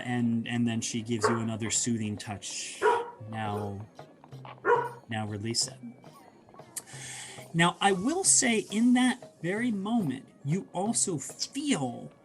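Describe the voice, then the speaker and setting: A man narrating a tabletop game as game master, soft-spoken and hesitant, with many fillers. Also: mid-range voice.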